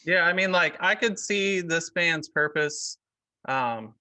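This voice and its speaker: A man's voice: fairly high pitch, takes it slowly, sharp tone. A man co-hosting a podcast, chatting casually with lots of "like" and "um". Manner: loose, filler-heavy, with many likes and ums. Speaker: podcast co-host. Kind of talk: casual opinion chat.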